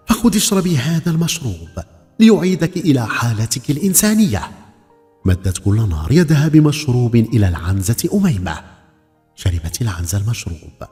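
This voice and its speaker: A man narrating a folk tale as a storyteller, expressive, rising and falling dramatically. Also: medium pitch. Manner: expressive, rises and falls dramatically. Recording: long reverb with faint music.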